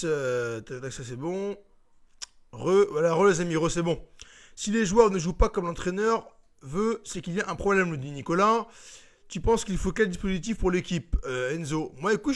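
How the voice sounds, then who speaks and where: A young man hosting a casual live stream, reading viewer comments aloud and answering them in a chatty, informal way. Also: sits high.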